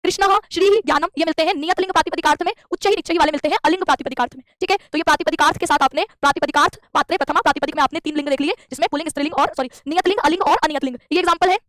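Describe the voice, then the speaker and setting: A woman delivers an exam-prep grammar lecture in a very high voice at a racing pace. She explains step by step and keeps asking and answering her own questions. The sound is dry and close-miked. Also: very fast, few pauses, fairly bright tone, no echo. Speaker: Sanskrit grammar teacher. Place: classroom with a board.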